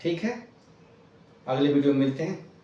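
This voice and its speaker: A man's voice: medium pitch, lively intonation, normal speed, mellow, recorded from a distance, highs cut off, slight background noise. A man giving an impassioned political monologue to his viewers, urging them on and repeating phrases for emphasis. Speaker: political commentator. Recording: echoey room, voice from the mic.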